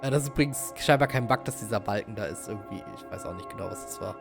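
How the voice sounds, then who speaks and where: A man's voice: lowish voice, very fast, creaky, over music. Man casually commentating a game stream.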